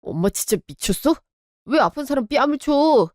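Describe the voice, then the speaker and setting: A woman's voice: high voice, lively intonation, normal speed, a little mellow, no room sound, clean studio sound. A woman voicing a young husband in a radio drama, pleading and apologetic toward his wife and her mother.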